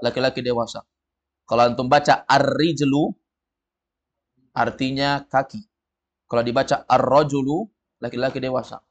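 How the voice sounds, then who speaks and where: In a study room, a man of Padang descent leads a group through an Arabic lesson, drilling words for the students to repeat and explaining what they mean. His mid-range voice is steady and moves at normal speed with long pauses, and the audio sounds dull.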